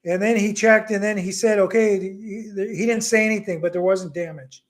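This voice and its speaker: A middle-aged man hosting a casual live Q&A at home, telling a story with animated energy and mixing Bisaya words into his English. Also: high-pitched, moderate pace. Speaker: livestream host.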